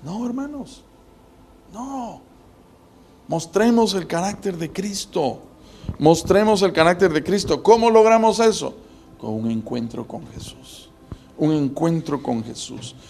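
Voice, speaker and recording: A man's voice: high-pitched, a little slow, gravelly, a little mellow, slightly rough. A man preaching a sermon as pastor, building emphasis with rhetorical questions.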